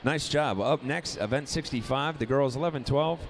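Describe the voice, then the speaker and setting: A man's voice: mid-range voice, slight background noise. A man announcing and calling races at a swim meet, reading lane after lane of names and times. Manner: rapid lane-by-lane roll call, rising excitement on close finishes.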